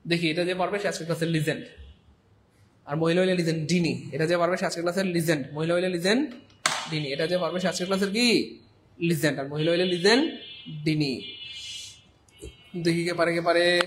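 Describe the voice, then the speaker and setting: Give me an energetic, high-voiced male teacher. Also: a little fast, pauses often, a little hiss or hum. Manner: energetic, repetitive, playful, acts out little scenes. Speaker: online English teacher. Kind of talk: live online class.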